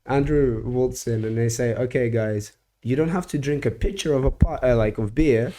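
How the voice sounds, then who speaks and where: A man's voice: medium pitch, moderate pace, mellow. A young man from Russia hosting a podcast, telling stories in a loose, slangy way. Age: young adult. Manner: loose storyteller, casual slang. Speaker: podcast host. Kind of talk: casual chat.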